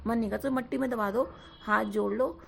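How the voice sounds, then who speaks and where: Speaking a little fast in a slightly high, gravelly voice, a young devotee tells listeners about her personal devotional experience, filling her rambling testimony with fillers and repeated "है ना" checks for agreement. There is slight background noise.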